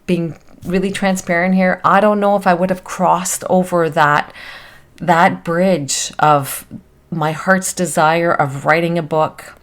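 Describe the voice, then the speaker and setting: A woman hosting a motivational self-help podcast, talking in an encouraging, earnest, conversational way like a self-help influencer and life coach. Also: low-pitched.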